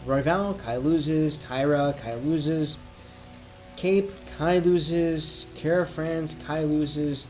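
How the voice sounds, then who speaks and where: A man with a slightly high voice delivers a loose, tipsy sports rant. He rambles haltingly and thinks out loud as he goes. Faint music and a rain-like sound sit behind him. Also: steady tone. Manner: drinking while ranting, tipsy rambling. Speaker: MMA commentator giving opinions. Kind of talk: casual off-the-cuff rant.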